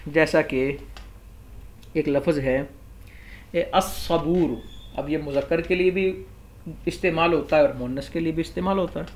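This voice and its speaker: A man's voice: on the high side, pauses often. Pakistani man teaching a grammar lesson. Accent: Pakistani Urdu. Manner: explains step by step, poses and answers objections. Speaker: Islamic scholar teaching Arabic grammar.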